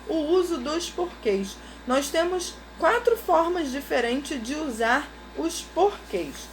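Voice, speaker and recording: A woman's voice: high voice, slight background noise. A woman teacher giving a recorded lesson to schoolchildren, explaining each step patiently and checking in with "ok?".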